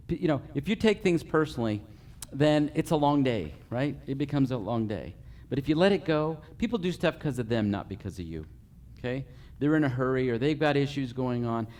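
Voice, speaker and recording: A man's voice: mid-range voice, darkish tone. Man coaching a group through a list. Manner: runs through a numbered list, checking in with frequent okays. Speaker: customer service trainer. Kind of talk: live training talk to a group. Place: meeting room with a live audience.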